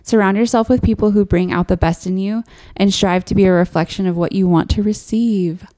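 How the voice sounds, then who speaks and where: A woman co-hosting a casual podcast chat, enthusiastic and quick to gush. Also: medium pitch, fairly even intonation, dark tone. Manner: enthusiastic, reads the sign-off quote slowly. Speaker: podcast co-host.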